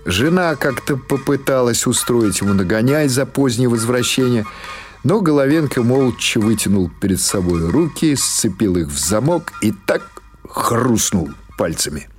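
A man of medium pitch reads literary prose for an audiobook at a moderate pace, his intonation lively. It's a scripted storytelling delivery, backed by music.

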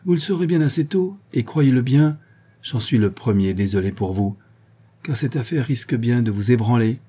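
A man's voice: mid-range voice, animated, normal speed, dark tone, husky. A man voicing a cold, tense male police inspector who gives curt, commanding orders in an audiobook.

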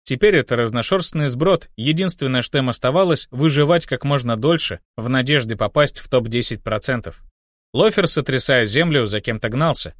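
Male audiobook narrator, steady first-person read, dry close sound. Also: mid-range voice, moderate pace, dry recording.

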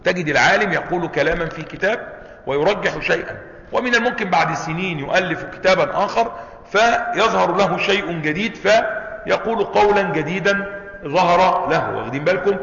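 A man's voice: high voice, expressive, vocal fry, a bit bright. Egyptian man lecturing in an echoey hall. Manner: asks the class questions and answers them himself; slows down to recite quoted verses. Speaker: teacher of Islamic legal theory. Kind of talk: classroom lecture. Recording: echoey hall, slightly dull sound.

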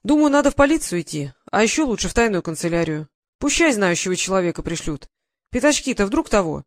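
A man voicing an eager, simple soldier with folksy talk, raised in pitch and loud. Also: very animated, fast, dry recording, clean studio sound.

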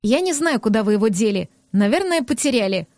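A woman's voice: fairly high pitch, very animated, fairly quick, no room sound, clean studio sound. A woman reading the part of a proud, stubborn young woman who answers back with indignation in an audiobook. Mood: indignant. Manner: indignant, sharp, defiant.

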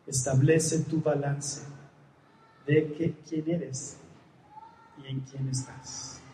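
High-voiced pastor in an echoey hall. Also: male voice, flat delivery, very slow, dark tone. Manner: emphatic, repeats key phrases, questions the listener directly. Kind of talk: sermon. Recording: echoey hall with faint noise.

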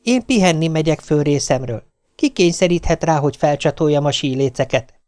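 A man's voice: a little high, expressive, a little mellow, dry recording. A man narrating an audiobook with dry, wry storytelling.

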